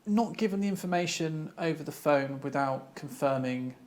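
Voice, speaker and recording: A man from cyber security, chatting casually and telling stories in an animated way with bursts of laughter. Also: a little high, moderate pace. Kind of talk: casual discussion.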